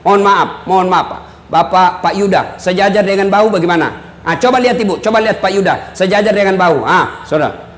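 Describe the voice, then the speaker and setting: A man preacher giving a lively, teasing sermon to a live audience, speaking to them directly. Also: sits high, quick pace. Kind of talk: humorous sermon. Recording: echoey hall with faint room noise.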